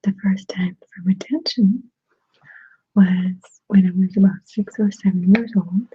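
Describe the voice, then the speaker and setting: A woman chatting to viewers in a soft, unhurried whispered ASMR style. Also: medium pitch, steady tone, slight background noise. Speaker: ASMR creator. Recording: dry tinny phone-like sound.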